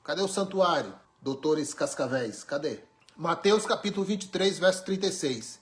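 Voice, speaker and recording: A man's voice: a little high, lively intonation, moderate pace. A man from Brazil, preaching an informal sermon with emphatic, wry rhetorical questions. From Brazil, born in Pernambuco, raised in São Paulo.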